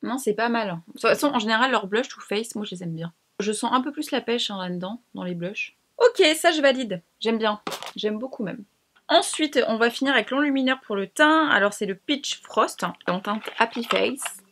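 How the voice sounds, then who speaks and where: A woman's voice: fairly high pitch, lively intonation, moderate pace, a bit bright, a little hiss or hum. A young woman chatting casually to camera as she tests makeup, slangy and self-mocking. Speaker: beauty vlogger. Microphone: camera mic.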